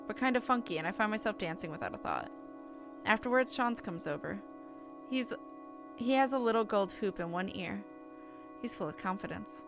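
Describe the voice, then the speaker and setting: With game music in the background, a woman with a medium-pitched voice and vocal fry streams a game live. Her expressive story reading mixes with casual chat and reactions where she interrupts herself.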